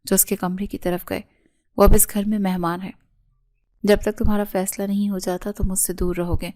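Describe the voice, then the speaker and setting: A woman's voice: medium pitch, flat delivery, warm tone, close to an everyday voice. A woman reading the lines of a stern, sarcastic older head of the family.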